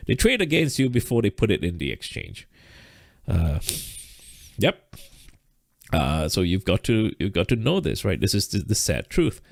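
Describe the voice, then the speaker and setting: A man's voice: low-pitched, creaky, a little mellow, dry recording, studio quality. A man teaching a live trading lesson, explaining step by step and checking in with "right?", short of breath. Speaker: trading instructor.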